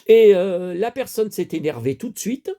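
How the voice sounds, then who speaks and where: A man's voice: high voice, lively intonation, moderate pace, dark tone. Rambling French-speaking man, toy collector. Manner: rambling, repeats himself, many fillers. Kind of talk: casual chat to camera.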